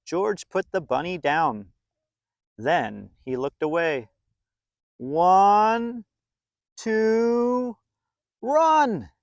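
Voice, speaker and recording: Playfully and expressively, a high-voiced man reads a story to young children, dwelling on words and adding dramatic emphasis. No room sound is audible.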